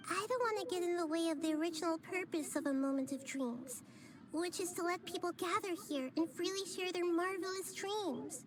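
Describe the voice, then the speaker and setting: Nahida, a gentle girl goddess. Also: very high voice, moderate pace, noisy background. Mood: thoughtful. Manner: soft, thoughtful, fond of analogies. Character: gentle young girl goddess, wise and curious. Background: loud game music.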